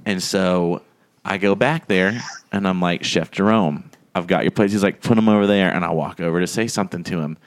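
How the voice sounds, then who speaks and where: A man's voice: deep voice, moderate pace. A man hosting a podcast, telling a long anecdote in casual chat and acting out the people in it. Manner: animated storyteller, acts out quoted voices. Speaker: podcast host.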